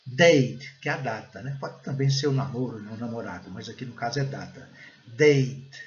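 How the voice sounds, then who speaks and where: A man's voice: medium pitch, fast, muffled recording. A Brazilian man with a Brazilian Portuguese accent gives an online English pronunciation lesson, explaining step by step and often adding "né?" and "gente".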